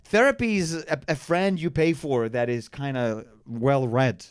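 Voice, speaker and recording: A young adult man, a comedian co-hosting a podcast, telling stories in animated casual banter with frequent laughs. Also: medium pitch, a little slow, clean tone, no room sound, clean studio sound.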